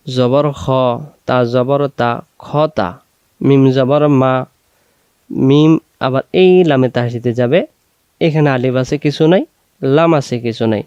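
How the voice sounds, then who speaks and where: Male recitation teacher, Bangladeshi Bengali accent, very slow and deliberate, smooth clear voice, dry, muffled sound. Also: medium pitch, darkish tone, no echo. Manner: spells out syllables slowly, then recites words in a drawn-out chant. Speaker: Quran reading teacher. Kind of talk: step-by-step recitation lesson.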